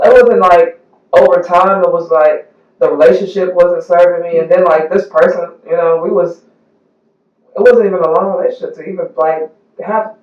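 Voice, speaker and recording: A man co-hosting a casual, candid chat, talking in an animated way, swearing freely and acting out the people he quotes. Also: high voice. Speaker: co-host. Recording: echoey room, far from the mic, dull sound.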